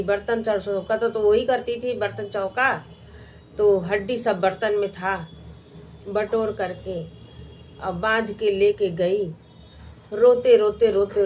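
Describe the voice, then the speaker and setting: A woman telling a devotional folk tale in an unhurried, repetitive, homely way. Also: mid-range voice, a little mellow, slight background noise. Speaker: devotional storyteller.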